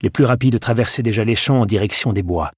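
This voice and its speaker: A man reading a historical novel aloud in a steady storytelling voice. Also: lowish voice, fast, slightly rough, dry recording, studio quality. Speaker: narrator. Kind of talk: audiobook reading.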